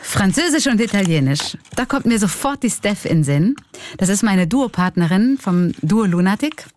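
A woman's voice: medium pitch, expressive, moderate pace, a little mellow, a little hiss or hum. Reflective Swiss German woman clown. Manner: reflective, candid, laughs often. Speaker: clown and comedian. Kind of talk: reflective interview monologue.

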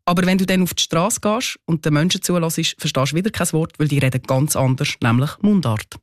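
Curious Swiss German host, somewhat high voice. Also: male voice, brisk, no echo, clean studio sound. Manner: curious, asks questions. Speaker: radio host. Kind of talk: radio chat.

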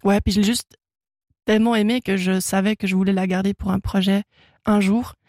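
This casual radio interview features a young singer-songwriter from Switzerland, a native German speaker, laughing a lot and full of fillers and false starts. Her mid-range, darkish voice stays level in tone and moves fairly quickly. The studio recording has no echo.

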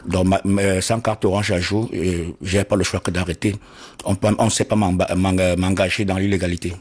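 A man from Cameroon tells his story in an interview. His voice sits low with a breathy, husky edge. He talks earnestly but haltingly, restarting phrases and repeating words. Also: flat delivery, darkish tone. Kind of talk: interview testimony.

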